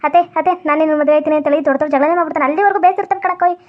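A woman's voice: sits high, racing, lightly acted. A woman playing a fretful, pleading village mother in a comedy skit, speaking. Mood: explaining. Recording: dull lo-fi audio.

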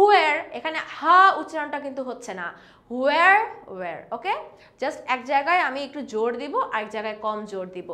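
A young woman with a Bangladeshi accent teaching spoken English online, mixing Bengali explanations with slow, carefully spoken English example sentences. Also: sits high, a bit bright. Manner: mixes Bengali with English, reads English examples slowly and deliberately. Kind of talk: online lesson.

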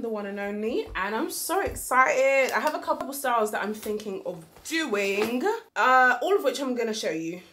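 Young woman vlogger, lively pitch, chatty and excitable. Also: a little hiss or hum. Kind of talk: casual vlog talk to camera.

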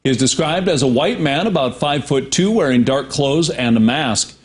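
A male news anchor reading scripted local news in a steady, measured way. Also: medium pitch.

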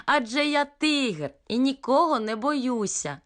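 A woman voicing a boastful little male tiger cub in a storybook reading, with a high, excitable voice. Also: moderate pace.

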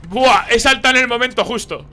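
A man doing live gameplay commentary as a streamer, excitable and swearing as he reacts to the game. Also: very high-pitched, fairly quick. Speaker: gaming streamer.

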